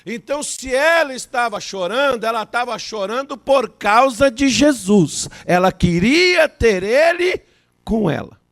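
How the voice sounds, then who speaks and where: A man preaching a sermon as pastor, telling a counseling story and building to loud, fervent peaks. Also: extremely high pitch, animated, a little slow, no room sound, clean studio sound. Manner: acts out both sides of a counseling story.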